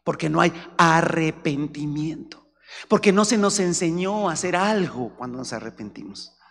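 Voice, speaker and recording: A man preaching a sermon with a Mexican Spanish accent, animated and acting out examples while addressing the congregation. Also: on the high side, normal speed, creaky. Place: church. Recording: reverberant church hall.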